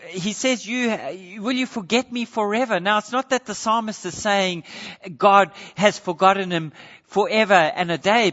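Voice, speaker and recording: A man preaching a sermon, earnest, moving between quiet pleading and raised emphasis. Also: high voice. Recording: dull lo-fi sound with long hall reverb.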